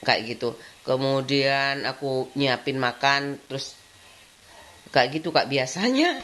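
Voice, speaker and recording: A woman's voice: extremely low pitch, lively intonation, slow, fairly bright tone. A middle-aged woman with a Javanese-tinged Indonesian accent, rambling casually at home in a vlog, with frequent laughs and repeated filler phrases. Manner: rambling, repeats "kayak gitu", laughs often. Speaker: vlogger and housewife. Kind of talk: casual chatty vlog monologue. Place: at home while tidying.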